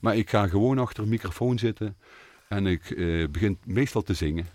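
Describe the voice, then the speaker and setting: A man telling stories as a guest in a conversational interview, earnest and animated, with frequent hesitations. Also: on the low side, brisk, no room sound. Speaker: guest, theatre maker and composer.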